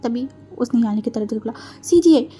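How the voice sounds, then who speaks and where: A woman's voice: fairly high pitch, moderate pace, mellow, soft background music. A young woman casually narrating a fan fiction story, lightly voicing the characters' lines as she goes.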